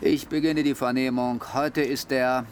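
A man voicing a gruff, sarcastic police sergeant in a radio play, brusque and bossy. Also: medium pitch, flat delivery, measured pace, a little hiss or hum, lightly acted.

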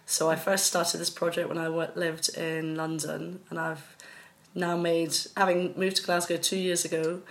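A woman with a fairly low voice talks about her art in an articulate, lively way. She is the guest in a relaxed interview. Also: moderate pace, hardly any pauses. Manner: articulate, lively, laughs between phrases. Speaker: artist, guest. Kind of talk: casual interview chat.

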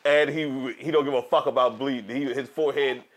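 A man's voice: medium pitch, steady tone, brisk, a bit bright. A man in casual podcast chat, talking in slangy, profane, joking banter. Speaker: podcast host. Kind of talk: casual chat about pro wrestling.

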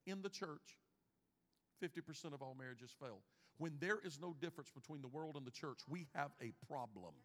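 A man in his fifties preaching a sermon as pastor, swinging from hushed lines to loud emphatic ones. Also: fairly high pitch, lively intonation, brisk. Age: 50s. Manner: preaching with big swings in loudness, from hushed to shouting. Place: church sanctuary. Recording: long reverb of a church hall.

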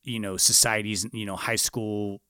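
A man talks earnestly about a film, rambling a little with "you know" and "like." His voice sits on the low side and sounds smooth and resonant. The recording is dry and close. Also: level tone, moderate pace, pushed and bright, no echo. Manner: earnest, thoughtful, rambling with fillers. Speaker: podcast co-host. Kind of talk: casual film discussion.

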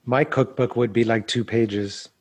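A man's voice: mid-range voice, steady tone, a little slow, breathy edge. A man co-hosting a casual podcast with dry, self-deprecating humor. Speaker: podcast co-host.

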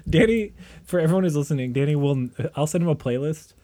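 Man, podcast co-host, warm dark tone, dry close sound, joking casual chat. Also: on the high side, no room sound. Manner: laughing, joking, restarts often.

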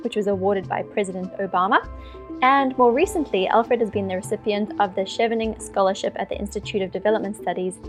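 Upbeat woman podcast host. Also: a little high. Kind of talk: podcast interview.

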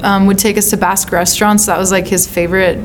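American woman, informal and thoughtful, mid-pitched. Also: level tone, fast, slight background noise. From California, United States. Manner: informal, thoughtful, searching phrasing with frequent "like". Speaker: songwriter being interviewed. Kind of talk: casual conversational interview.

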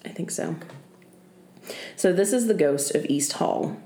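On a podcast she co-hosts, a young woman with a low, mellow voice relates folklore casually, joking and laughing as she goes. Her delivery is animated but measured in pace, keeping things loose and chatty. The room at home gives the recording an echo.

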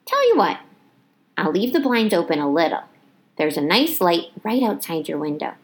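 A woman's voice: lowish voice, sing-song, normal speed. A woman voicing a friendly, chatty male night janitor in a storybook, jovial and playful. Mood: kindly.

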